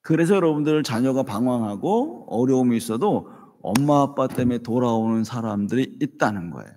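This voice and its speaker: A man in his fifties preaching a sermon, telling a family story in a lively way and acting out the voices in it. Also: mid-range voice, brisk. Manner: storytelling, animated, acts out dialogue. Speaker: pastor. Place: church sanctuary. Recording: reverberant church hall.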